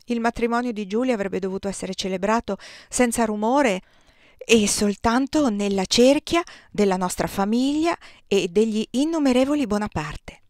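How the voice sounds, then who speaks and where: A woman reading a novel aloud as an audiobook, narrating in the first person at a calm, measured pace. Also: on the high side, dry recording, clean studio sound. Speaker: audiobook reader.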